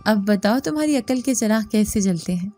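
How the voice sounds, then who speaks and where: A woman's voice: mid-range voice, animated, dark tone, soft background music, close to an everyday voice. A woman voicing a cheerful, teasing young village girl who is the narrator's friend in a storybook reading. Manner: playful, teasing.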